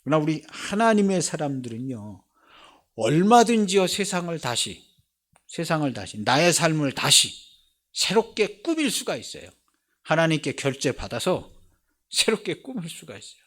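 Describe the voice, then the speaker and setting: A pastor giving a conversational Sunday sermon, acting out little dialogues and dropping from loud emphasis to hushed asides. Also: male voice, a little high, very animated, moderate pace.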